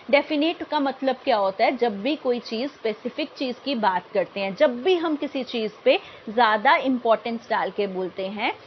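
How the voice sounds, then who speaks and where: Woman grammar tutor, higher voice, patient and methodical, faint room noise. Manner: explains in Hindi mixed with English, often checks in with "ठीक है"; slow, careful reading of example phrases. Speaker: English grammar teacher. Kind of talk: explanatory grammar lesson for exam aspirants. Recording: dull lo-fi home recording, faint background noise.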